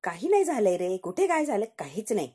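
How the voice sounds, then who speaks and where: A woman's voice: mid-range voice, sing-song, fairly quick, dark tone, breathy edge. A woman voicing a stern, middle-aged aunt from a TV serial who scolds the family sharply. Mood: scolding.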